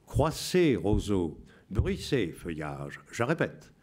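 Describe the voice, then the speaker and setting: A solemn wartime radio announcer, put on by a man in his seventies, declaims coded messages in a raised, lively voice. Each short phrase comes out measured and emphatic, then is repeated word for word. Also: fairly low pitch, slightly rough, exaggerated voice. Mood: declaiming.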